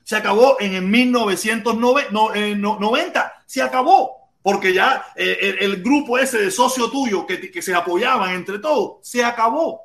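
A man's voice: high-pitched, moderate pace, few pauses, fairly bright tone, roomy sound. A Cuban man hosting a casual podcast chat, emphatic and repetitive, often talking over others. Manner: emphatic, repeats phrases, talks over others. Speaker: podcast host.

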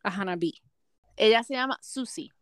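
A woman's voice: mid-range voice, moderate pace, no room sound, clean studio sound. Chatty code-switching woman. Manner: animated, mixes English phrases into Spanish. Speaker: podcast co-host. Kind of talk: casual chat about a reality dating show.

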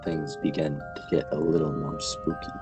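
A man giving a mock-dramatic spooky reading of comic strips, slow and theatrical. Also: a bass voice, level tone, vocal fry, over music, low-quality recording. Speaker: podcast co-host.

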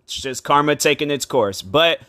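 A man's voice: on the high side, lively intonation, moderate pace, pushed and bright, dry recording, studio quality. A man hosting a casual online commentary show, talking in a slangy, rambling, repetitive way into a cell phone microphone. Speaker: YouTube show host.

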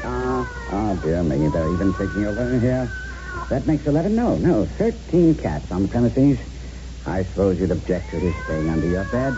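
An actor playing a genial, eccentric castle owner with a theatrical, musing manner in a radio drama. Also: male voice, fairly low pitch, very animated, moderate pace. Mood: fussy, soothing. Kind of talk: 1970s radio drama acting. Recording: dull lo-fi radio recording, faint noise.

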